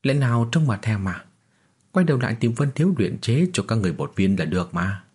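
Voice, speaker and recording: A brash martial king from a fantasy audiobook, as the male narrator voices him, blunt and easily stirred. His husky, low voice moves up and down a lot. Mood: puzzled. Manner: blunt, excited, quick questions. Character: bold male martial king, loud and excitable.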